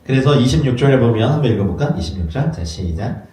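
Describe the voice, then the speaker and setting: A man preaching a sermon as a pastor, lively and acting out little dialogues in playful voices. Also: medium pitch, fast talker. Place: church hall. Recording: echoey room from far off.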